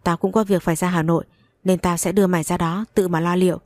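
A woman's voice: fairly low pitch, fairly even intonation, fast talker, a little mellow, dry recording, close to an everyday voice. A woman reading as a cold, arrogant rich young man. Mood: contemptuous. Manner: contemptuous, curt.

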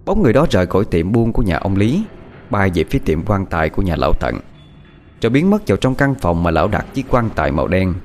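A man's voice: sits low, very animated, fast, a little mellow. A man narrating a horror story with dramatic storytelling.

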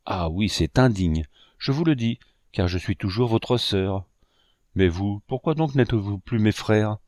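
A man's voice: on the low side, lively intonation, a little slow, a little mellow, no echo, clean studio sound. A man reading aloud, voicing a feverish, exalted young orphan woman who pleads with her friends. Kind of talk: audiobook reading.

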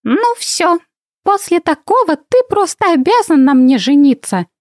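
A woman voicing a greedy, playful female guinea pig in a squeaky, giggly, flirty voice. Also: big pitch swings, unhurried, a little mellow, dry recording, clean studio sound, full character voice.

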